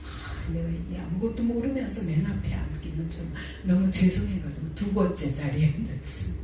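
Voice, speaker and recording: A woman giving an emotional testimony sermon, her voice climbing in pitch at the high points of the story. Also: moderate pace. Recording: echoey church hall from far off, faint noise.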